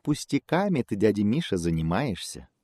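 A man's voice: lowish voice, very animated, moderate pace, darkish tone, no echo, clean studio sound. A man voicing a sly female fox who talks in a coaxing, mocking way.

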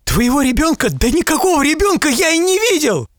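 A man voicing a frightened rich merchant who begs for his life in a high, wailing voice. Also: slow pace, bright, forceful tone, no room sound, studio quality, exaggerated voice. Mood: alarmed. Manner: high-pitched, begging and wailing. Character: terrified pleading rich male merchant.

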